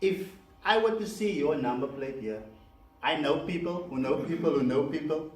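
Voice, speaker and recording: This presenter is a man with a South African accent, Afrikaans being his first language, running a chatty live seminar packed with fillers and questions for the room. His slightly high voice has lively intonation and a moderate pace. Echo, a far-off mic, and faint background noise mark the recording.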